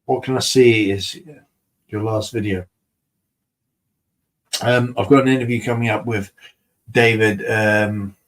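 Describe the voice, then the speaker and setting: Rambling, mumbling man. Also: lowish voice. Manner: rambling and mumbling, self-mocking. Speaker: beer reviewer and channel host. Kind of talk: casual live-stream chat, reading viewer comments.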